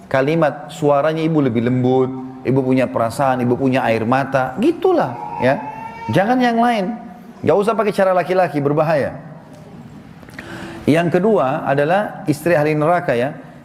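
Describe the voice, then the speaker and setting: A man's voice: on the high side, darkish tone, big-room sound. A man giving an instructive sermon, working through numbered points. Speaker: preacher.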